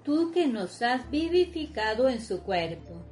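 Slow-speaking woman reciting morning prayer. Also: on the high side, very animated. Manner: solemn, measured recitation. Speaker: prayer co-leader giving responses. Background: soft music.

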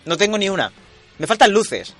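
A man's voice: high voice, big pitch swings, normal speed, a bit bright. A playful man from hosts an improvised comedy podcast, with a slightly raised voice. He teases his co-hosts and moves the show along with easy banter. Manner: playful, teasing, drives the segments. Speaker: podcast host.

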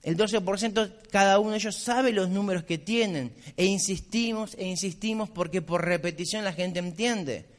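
A man's voice: sits high, moderate pace, few pauses. Emphatic Argentine man in echoing hall. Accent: Rioplatense Argentine Spanish. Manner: emphatic, insistent, repeats points. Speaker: motivational speaker. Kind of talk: motivational business talk. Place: large convention hall. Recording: reverberant convention hall.

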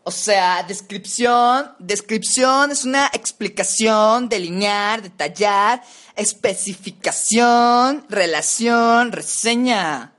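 A woman's voice: fairly high pitch, fairly bright tone. A woman from Mexico, a radio announcing student, reading synonym lists aloud and shifting her tone from word to word. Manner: slow, deliberate, shifting tone word by word.

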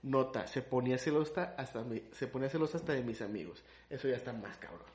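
A man's voice: mid-range voice, expressive, fast, a little mellow, roomy sound. A young man with a Mexican accent, co-hosting a casual podcast with crude, slangy banter. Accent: Mexican Spanish. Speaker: podcast co-host.

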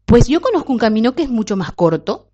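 A woman's voice: a little high, very animated, fast talker, dark tone, pitched above the performer's own voice. A woman voicing a crafty, scheming male wolf in a children's story. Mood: sly. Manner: coaxing, crafty. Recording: dull lo-fi recording.

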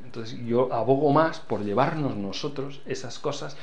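An older man with a foreign accent in Spanish speaks in a mid-range, darkish voice at a moderate pace. He's a church leader giving earnest interview answers and repeating key phrases for emphasis.

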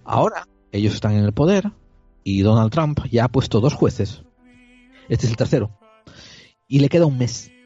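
A man co-hosting a casual Spanish podcast chat, telling stories in a lively way and laughing often. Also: medium pitch, moderate pace, long pauses, breathy edge, dry recording. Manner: animated storyteller, laughs often. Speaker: podcast co-host. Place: abroad, at a Galician club in Astoria. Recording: dull lo-fi audio with faint music.

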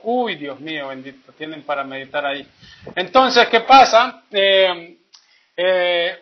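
Male preacher, high-pitched and chatty, on a muffled lo-fi recording. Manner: folksy, tells jokes, keeps asking "¿verdad?". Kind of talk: sermon. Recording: dull lo-fi recording.

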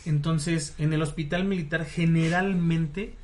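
A man's voice: on the high side, unhurried. Slangy Mexican man telling a story. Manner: relaxed, slangy, acts out quoted dialogue. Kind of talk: casual storytelling chat.

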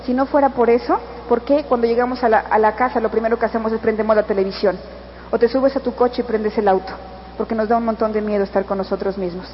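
A woman's voice: on the high side, fairly even intonation, fast. A woman with a Mexican accent giving an earnest, coaxing motivational speech at a convention, addressing the listener directly. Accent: Mexican Spanish. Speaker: motivational speaker. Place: convention hall. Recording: echoey hall, dull sound, faint noise.

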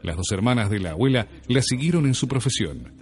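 A man reading a self-help audiobook in a measured, deliberate way. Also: mid-range voice, animated, darkish tone. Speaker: audiobook narrator. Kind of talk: scripted self-help narration. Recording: long reverb.

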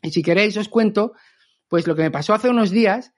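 High-voiced chatty man. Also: a little fast. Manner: lively, chatty, acts out quotes. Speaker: communicator and trainer. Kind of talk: podcast storytelling talk.

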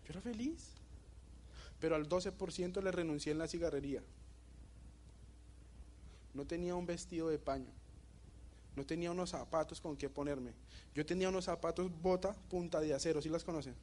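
A young man with a Bogotá Colombian Spanish accent, giving a motivational talk and telling a story with animated energy, often asking the audience questions. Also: on the high side, a little fast, pauses often, a little hiss or hum. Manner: animated storytelling, asks the audience questions, laughs at his own jokes. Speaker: motivational speaker.

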